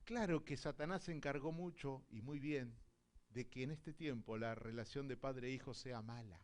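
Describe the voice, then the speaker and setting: A man from Argentina with an Argentine accent preaching a sermon, telling stories and acting out dialogue, swinging from hushed to loud. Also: medium pitch, moderate pace. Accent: Argentine Spanish. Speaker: visiting apostle preaching.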